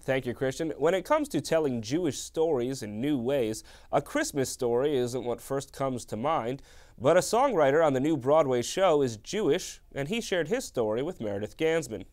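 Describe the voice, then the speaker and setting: A man's voice: medium pitch, lively intonation, normal speed, a little mellow. A man anchoring a news program, introducing stories in a conversational way. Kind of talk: news presenting.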